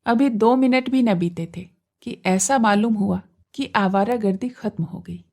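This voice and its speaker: A woman narrating a literary short story in a measured, expressive storytelling manner. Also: medium pitch. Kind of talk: scripted audiobook narration.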